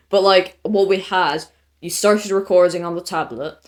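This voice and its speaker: A man co-hosting a podcast in relaxed, casual chat, laughing often and using lots of fillers. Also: high voice, unhurried. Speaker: podcast co-host.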